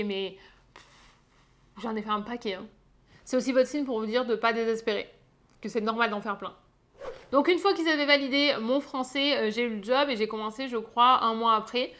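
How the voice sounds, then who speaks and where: A chatty young woman from France with a French accent and a slightly high voice. She talks to camera in a casual storytelling way and often pauses on fillers. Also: a bit bright. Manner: chatty, frequent "euh" fillers. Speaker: vlogger.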